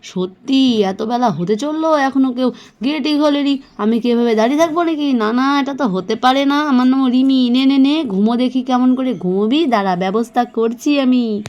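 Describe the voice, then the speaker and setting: A woman voicing a mischievous young woman in a doll cartoon story, teasing and lively. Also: sits high, normal speed, lo-fi sound, lightly acted.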